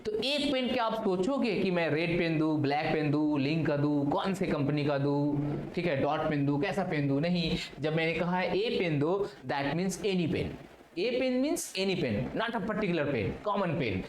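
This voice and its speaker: A male English teacher explains a grammar point in a recorded video lesson. He keeps asking questions and answering them himself, and his fairly high voice carries an echo from the room along with a faint hiss behind it. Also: normal speed.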